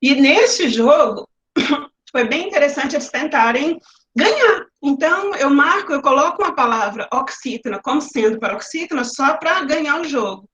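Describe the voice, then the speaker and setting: High-voiced Brazilian teacher in a roomy call. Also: female voice, lively intonation, moderate pace, a bit bright. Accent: Brazilian Portuguese. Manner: explains step by step with examples. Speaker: teacher presenting classroom activities. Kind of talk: online lecture presentation. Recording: roomy, slightly muffled webinar audio.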